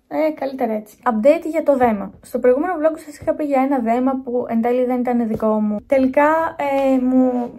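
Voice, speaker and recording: Young woman vlogger, high voice, chatty and rambling, recorded on a handheld phone. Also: mellow, breathy edge. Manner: chatty and rambling, talking straight to viewers. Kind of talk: casual vlog chat. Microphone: phone held at arm's length.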